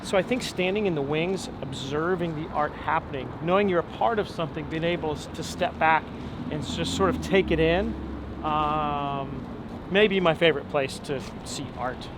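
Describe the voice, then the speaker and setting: Street sounds and traffic ring out clearly as an opera tenor, a Long Island man in his forties, walks and talks outdoors in a casual interview. Speaking at normal speed in a fairly high voice, he's relaxed and thoughtful, often pausing on ums and starting over.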